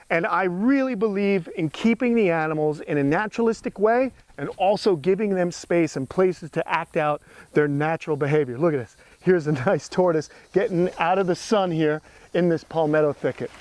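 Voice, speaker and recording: A man's voice: fairly high pitch, no echo. A man presenting an educational animal tour outdoors in a casual, emphatic, admiring way, as an enthusiastic host and keeper. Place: outdoors among animal enclosures.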